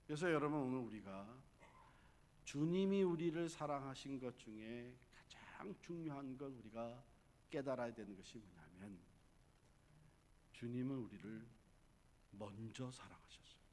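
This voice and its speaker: A man's voice: mid-range voice, measured pace, long pauses, a little mellow, a little hiss or hum. A man preaching a fervent revival sermon in a large church hall, dropping in English words. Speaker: pastor. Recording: long reverb of a large hall.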